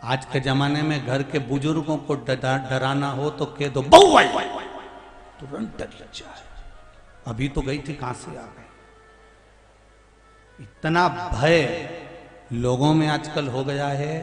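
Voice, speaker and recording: A man, giving a devotional sermon in a folksy, teasing way, sometimes half-singing. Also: mid-range voice. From Madhya Pradesh, India. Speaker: religious storyteller. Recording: echoey hall with music behind.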